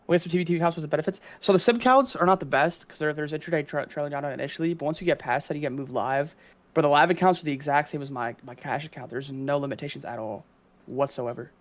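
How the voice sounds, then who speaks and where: A man's voice: on the high side, quick pace. A young man giving casual livestream trading commentary, explaining things and repeating himself as he goes. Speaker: live trading streamer.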